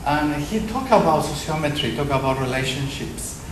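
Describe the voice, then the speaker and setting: A middle-aged man speaks at a conference, trading in wry, self-mocking stories. His voice carries through a roomy, echoing hall with a steady wash of background noise behind it. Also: fairly high pitch, normal speed. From Argentina. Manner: anecdotal, self-deprecating humor. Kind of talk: conference talk.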